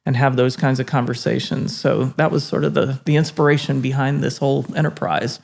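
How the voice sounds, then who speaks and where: A man hosting a podcast interview, talking in a reflective, halting way with many fillers. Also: medium pitch, level tone, vocal fry, a little mellow. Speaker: podcast host. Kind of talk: casual interview talk.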